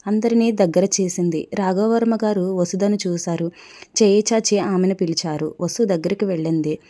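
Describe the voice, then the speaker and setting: Mellow-voiced woman reading a story aloud. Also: mid-range voice, fairly even intonation, normal speed. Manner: emotional, voices the characters' dialogue herself. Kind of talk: read-aloud story narration.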